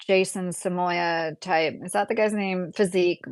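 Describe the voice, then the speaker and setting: With a fairly low, steady, clear and resonant voice, a woman in her late thirties talks unhurriedly through viewer comments on her casual YouTube livestream. She has a Midwestern accent from Southern Indiana, rambles conversationally and chuckles often. The sound is clean studio audio with no room sound.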